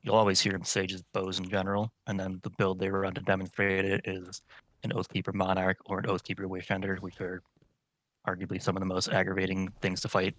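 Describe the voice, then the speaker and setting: A man answering interview questions in a relaxed, explanatory way with many fillers. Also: low voice, slight background noise, low-quality recording. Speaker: guest, competitive game player.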